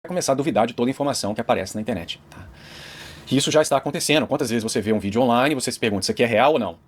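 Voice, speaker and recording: A man's voice: medium pitch, racing. A man with a Brazilian Portuguese accent doing online commentary, conversational, with tag questions. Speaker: commentator in the reacted video.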